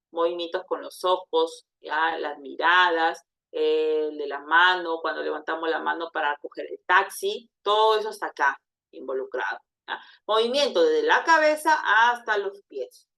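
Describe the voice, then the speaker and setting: Woman teaching a lively lecture. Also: lowish voice, creaky. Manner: lively, demonstrative, often asks "¿ya?". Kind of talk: exam prep lecture.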